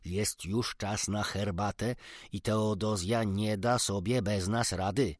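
A man voicing a kind, gentle middle-aged doctor in an audiobook, speaking softly and thoughtfully. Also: fairly low pitch, steady tone, slow pace, dry recording, studio quality. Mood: hurried. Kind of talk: audiobook character reading.

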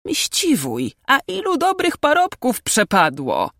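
A woman voicing an eager, bitter young male nobleman who talks loudly in old-fashioned speech. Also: high-pitched, takes it slowly, dry recording, clean studio sound, pitched above the performer's own voice, heavily acted. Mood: grieving. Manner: loud and excited, archaic speech.

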